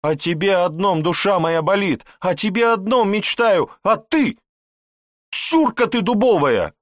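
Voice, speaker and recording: A man's voice: big pitch swings, unhurried, fairly bright tone, no room sound, clean studio sound. A man reading an audiobook, voicing a jealous young grand princess who pleads and scolds. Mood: furious. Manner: pleading, then fiery and shrill.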